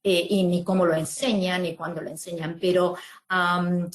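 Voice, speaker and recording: A woman from presenting an online teaching webinar, explaining slowly with many fillers and tag questions. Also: fairly low pitch, level tone. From Spain.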